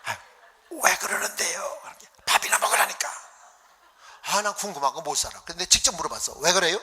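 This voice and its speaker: A man preaching a revival sermon, telling stories with lively acted-out voices and sudden whispers. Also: high voice, quick pace, long reverb tail, background noise. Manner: animated storytelling, acting out voices, dropping to whispers. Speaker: pastor. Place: church hall.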